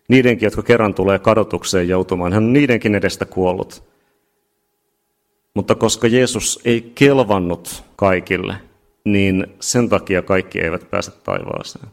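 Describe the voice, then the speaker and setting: A man preaching a sermon, emphatic and building to shouts at key points. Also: on the low side, vocal fry. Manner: emphatic, rising to shouts at climaxes.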